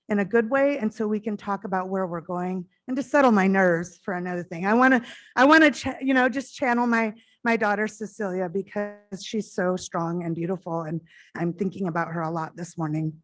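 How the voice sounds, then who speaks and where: A middle-aged woman delivers a conference keynote address at a stage microphone, her naturally loud voice carrying well at an ordinary female pitch. She speaks earnestly and from the heart, sometimes rushing ahead in quick bursts.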